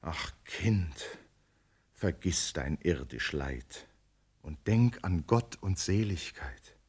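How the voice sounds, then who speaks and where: A man voicing a pious, worried old mother in a dramatic poetry recitation, speaking in soft, hushed pleas. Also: low voice, expressive, takes it slowly, breathy edge, pitched below the performer's own voice, full character voice. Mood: pleading.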